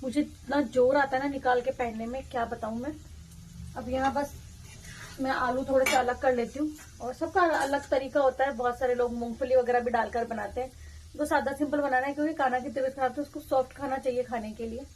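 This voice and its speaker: A woman's voice: sits high, steady tone, brisk, a little hiss or hum. A woman, a mother, casually narrating a family vlog and talking straight to viewers while she cooks. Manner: chatty, talks straight to viewers while cooking.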